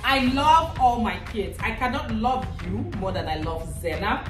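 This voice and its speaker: In her living room, a Cameroonian woman in her thirties, a vlogging mother, hosts a family quiz with playful teasing. She talks at a moderate pace with medium pitch and lively intonation. The camera is set back, leaving an echoey sound and faint music.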